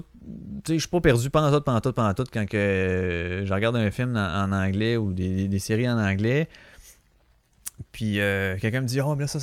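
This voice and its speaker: A man's voice: mid-range voice, dry recording. Quebec guy rambling on his podcast, swears a lot, mid voice, dry room. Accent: Quebec French. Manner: rambling, slangy, swears freely. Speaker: podcast host. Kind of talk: casual storytelling monologue.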